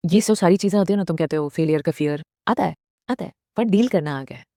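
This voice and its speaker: A woman in her thirties, a vlogger, gives a heartfelt motivational talk, speaking earnestly and blending Hindi with English phrases. Her lowish, dark-toned voice moves at a quick pace as she addresses viewers directly and asks them questions. The studio recording is clean, with no room sound.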